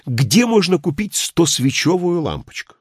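A man's voice: fairly low pitch, steady tone, normal speed, a little mellow, no room sound, studio quality, lightly acted. A man voicing a timid, fussy townsman who speaks in a hesitant, bewildered way. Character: timid, fussy male lamp seeker.

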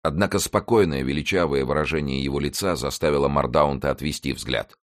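A man with an extremely deep voice narrates an adventure novel. His reading is steady and measured, carrying the story evenly from line to line. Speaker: audiobook narrator. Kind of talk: scripted narration.

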